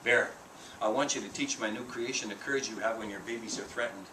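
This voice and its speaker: A man voicing Raven, a wise and gentle male creator spirit, speaking calm and measured. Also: lowish voice, noisy background, pitched below the performer's own voice, lightly acted. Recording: roomy, distant mic.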